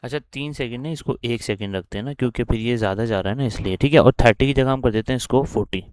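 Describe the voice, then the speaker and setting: A man's voice: mid-range voice, fast talker, a little mellow, clean tone, dry recording. A man with a Pakistani accent teaching a coding lesson while recording his screen, walking through each step and often checking in with the listener.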